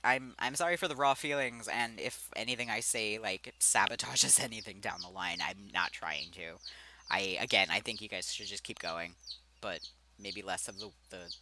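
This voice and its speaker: A man's voice: lowish voice, noisy background. A young man giving casual, rambling video commentary, with frequent fillers and giggles.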